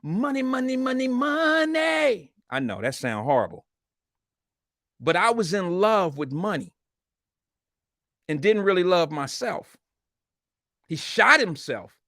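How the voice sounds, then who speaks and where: A man with a fairly high voice hosts a casual livestream. He speaks with a retainer in his mouth, in blunt, slangy and profane chat aimed at his viewers. The sound is dry, with hardly any room on it. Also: sing-song, slow, long pauses, bright, forceful tone, no echo. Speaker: live show host.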